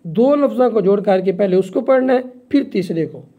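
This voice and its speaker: A man with an Urdu accent teaching Quran reading, stretching out each letter name, then explaining quickly. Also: sits high, expressive, phone-quality sound. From Pakistan. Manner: drawn-out letter names, quick asides. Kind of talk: slow recitation lesson.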